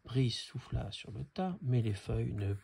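A man reading a children's storybook aloud in a hushed, half-whispered narration. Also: mid-range voice, lively intonation, a little slow, gravelly, slight background noise. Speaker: storybook reader.

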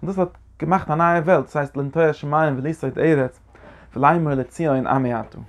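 A man teaching a religious lecture in an animated way, often restarting his sentences and breaking into emphatic bursts. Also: a little high, brisk. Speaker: Torah teacher.

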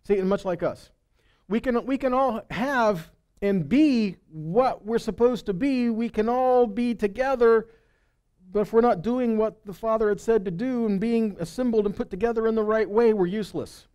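A middle-aged preacher and Bible teacher delivers a live sermon through a headset mic on an indoor stage in a meeting room or hall. His voice sits high and has a clean, darkish tone, and he talks at normal speed. His style is conversational and emphatic, and he keeps checking in with his listeners.

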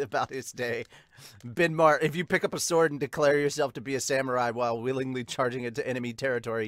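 With a mid-range, fairly bright tone and no room sound, a man in his thirties chats casually about manga as a reviewer and host, reading viewer comments. He records at home in a small room with bookshelves, close to a large desktop mic fitted with a pop filter.

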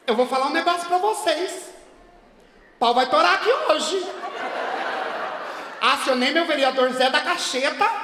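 A male comedian voicing a brash, indignant woman who is caring for her father in hospital. She talks in a loud, gossipy, dramatic way with shouting bursts in a stand-up monologue. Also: very high-pitched, lively intonation, unhurried, pauses often, a crowd in the background, background noise. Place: theater stage at a live show. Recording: echoey hall, from far off.

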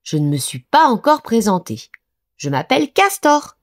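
A woman voicing a cheerful, friendly male beaver in a storybook, bright and a little puzzled. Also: fairly high pitch, very animated, normal speed, pitched above the performer's own voice.

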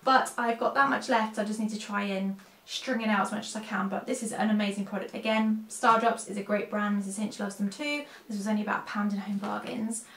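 A woman's voice: mid-range voice, fairly bright tone. A tired woman chatting casually through a cleaning product haul, rambling and correcting herself as she talks at home. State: tired, unwell. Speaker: cleaning vlogger. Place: room at home with a dresser. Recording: echoey home room.

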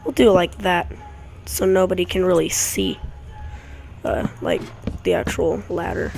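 A woman's voice: fairly low pitch, expressive, measured pace, vocal fry, a little mellow, soft background music. A woman rambling through casual gameplay commentary with chatty asides to her viewers, recorded on a desk mic at home. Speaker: gaming YouTuber. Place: home room with dogs nearby. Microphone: desk mic near a clicky keyboard.

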